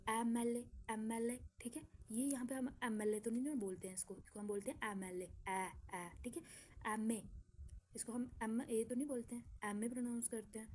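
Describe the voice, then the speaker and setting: A woman teaching an English grammar lesson, explaining slowly with examples and checking in often with the class. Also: a little high, a little mellow, a little hiss or hum.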